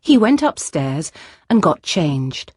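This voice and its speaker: Woman reading a story out, lowish voice, lots of melody, dry sound. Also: big pitch swings, takes it slowly, a little mellow, breathy edge, dry recording. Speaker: story narrator. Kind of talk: scripted story narration for learners.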